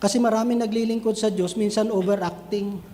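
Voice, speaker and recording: A man with a very high voice preaches an animated sermon and acts out little scenes for his listeners. The sound carries a long reverb, as if from a hall. A faint hum of room ambience sits behind him. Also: a little fast. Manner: switches between Filipino and English, addresses listeners as brethren. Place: church cell group gathering.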